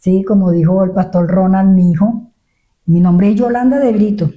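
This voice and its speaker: A woman's voice: medium pitch, fairly even intonation, moderate pace, narrow, tinny audio. An older woman from Venezuela with a Venezuelan accent, a pastor speaking humbly as a guest in a church interview. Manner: humble, affirming amens.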